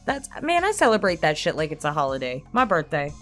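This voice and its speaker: An online creator's deep voice swings hugely in pitch, a bit bright and a little fast, as she chats casually through subscriber questions. Candid, self-deprecating, and freely sweary, she talks over soft background music.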